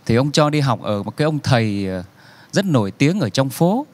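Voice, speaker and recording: A man telling a joke as a story, relaxed and unhurried, slowing down for effect and acting out the characters' lines. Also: medium pitch. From Vietnam.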